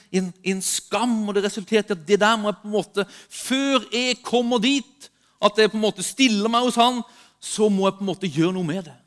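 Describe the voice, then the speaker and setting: A man giving a sermon with personal testimony, moving between urgent emphasis and hushed, slow passages. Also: high-pitched. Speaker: preacher.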